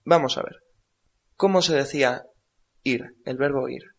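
Male teacher, unhurried and patient, repeats words for drilling; muffled lo-fi sound. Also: mid-range voice, gravelly. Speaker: language teacher. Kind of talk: radio language lesson. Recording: dull lo-fi recording.

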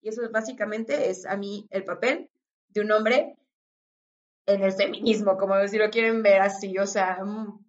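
A woman's voice: mid-range voice, steady tone, normal speed. A woman with a Mexican accent in a casual discussion, talking emphatically with many fillers and short laughs. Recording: dull lo-fi sound.

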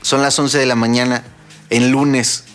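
Mexican male podcast host, young, casual and playful, fillers galore, middle pitch. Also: little pitch movement, a bit bright, faint music behind. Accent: Mexican Spanish. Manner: joking, quick, many "eh" fillers.

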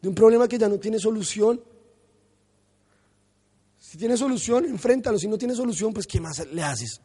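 Man, pastor, sermon, lively storyteller, high-pitched voice. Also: moderate pace, husky. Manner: animated storytelling, acts out voices.

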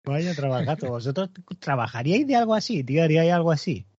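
A man with a high voice tells a story in relaxed chat, laughing often and slipping into the voices of the people he quotes. The sound is dry and a little dull. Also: quick pace, slightly rough, no echo. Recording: dull, slightly muffled, dry audio.

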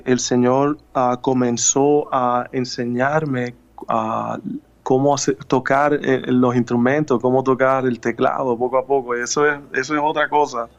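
A Puerto Rican gospel musician in his thirties, speaking with a Puerto Rican Spanish accent, gives a radio interview in a halting way full of fillers and restarts. His voice is mid-range, and the audio has its highs cut off.

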